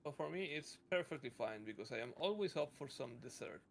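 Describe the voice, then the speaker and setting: A man's voice: fairly high pitch, animated, brisk, creaky. A man chatting casually while playing a game with friends, tossing out playful, theatrical one-liners. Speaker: co-op game player. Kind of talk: casual gaming chat.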